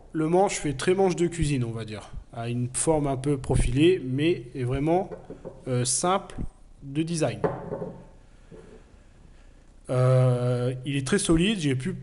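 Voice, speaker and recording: In this casual knife review, a man with a mid-range, warm voice talks plainly and earnestly despite having a cold. He's hesitant throughout, leaning on many fillers.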